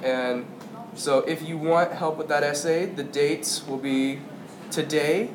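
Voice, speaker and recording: A man's voice: on the high side, steady tone, measured pace. A male host reading school announcements in a casual, chatty way, sometimes correcting himself. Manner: informal, chatty, self-correcting. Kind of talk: casual scripted announcements with ad-libs. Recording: echoey room, clear background noise.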